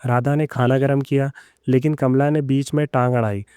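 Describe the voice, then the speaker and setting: Dark smooth male storyteller. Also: medium pitch, flat delivery, moderate pace, dry recording, studio quality. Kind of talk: scripted story narration.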